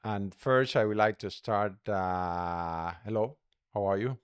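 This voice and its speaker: A man's voice: on the low side, slow pace, clean tone, dry recording, studio quality. A man hosting a medical podcast as a doctor, speaking hesitantly with many uh fillers. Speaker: podcast host, physician. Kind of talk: podcast interview.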